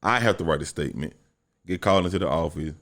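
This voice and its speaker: A young man with a deep voice hosts a solo podcast, telling a story with lots of animation and talking bluntly and profanely. He speaks at a quick pace, and his tone is a bit bright.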